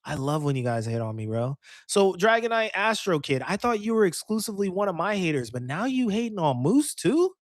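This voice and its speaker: A man's voice: high-pitched, big pitch swings, fairly quick, few pauses, no echo, studio quality. A man hosting a livestream, chatting casually, joking and reading chat comments aloud. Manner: joking, laughs often, reads chat aloud. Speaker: streamer host.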